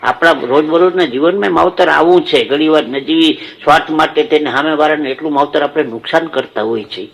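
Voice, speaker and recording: A man's voice: fairly high pitch, fairly quick, vocal fry, few pauses, fairly bright tone, low-quality recording. A man with a Saurashtra Gujarati accent doing a stage comedy monologue, telling jokes and a story in a folksy way and repeating words for effect. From Gujarat, India. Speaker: stand-up comic storyteller.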